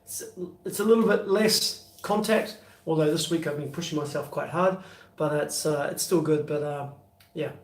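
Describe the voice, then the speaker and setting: A man's voice: on the high side, normal speed. A man in his fifties with a New Zealand accent, chatting casually on a live stream and answering viewers' questions in a loose, rambling way, full of fillers and restarts. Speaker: beer vlogger answering live chat. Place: bedroom, indoors. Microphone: phone on a stand at arm's length. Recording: echoey room, phone mic from a distance.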